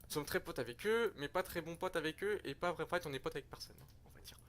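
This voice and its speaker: Young man, slightly high voice, casual rambling game commentary with self-mocking asides, faint background noise. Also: fast, a bit bright. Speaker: gaming youtuber.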